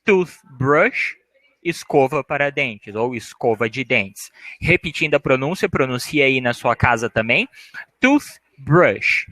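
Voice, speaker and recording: A man teaching English vocabulary, slowly saying each word, then its meaning, and repeating it. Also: medium pitch, bright, forceful tone, dry recording, low-quality recording. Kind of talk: language lesson for Portuguese speakers.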